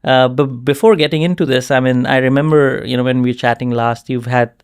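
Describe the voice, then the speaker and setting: A man's voice: medium pitch, fairly even intonation, brisk, smooth, dry recording, clean studio sound. A man hosting a podcast interview, introducing his guest enthusiastically with repetitive phrasing. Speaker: podcast host.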